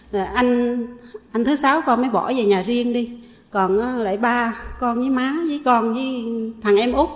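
Middle-aged woman, southern vietnamese accent, halting earnest confession, long reverb in the room. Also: on the high side. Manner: earnest, halting, many filler pauses. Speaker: testifying lay Buddhist. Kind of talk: personal confession.

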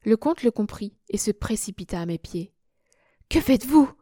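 A woman narrating a literary story as an audiobook, in a measured, expressive reading. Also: mid-range voice, no echo, clean studio sound. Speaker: audiobook reader.

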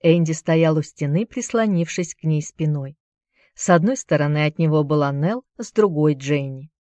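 A woman reading a novel aloud as an audiobook narrator, in an even, measured storytelling manner. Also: sits low, no room sound, clean studio sound. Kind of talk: scripted narration.

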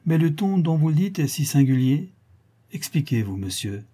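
A man's voice: on the high side, sing-song, moderate pace, dark tone, husky, voice pushed up. A man reading the part of a proud marquise, indignant and impatient.

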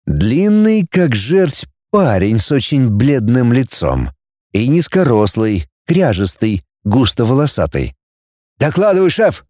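A man reading an adventure story aloud as narrator, lifting his pitch for each character's lines. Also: big pitch swings, takes it slowly, warm tone, no echo, studio quality. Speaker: audiobook narrator. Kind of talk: scripted narration.

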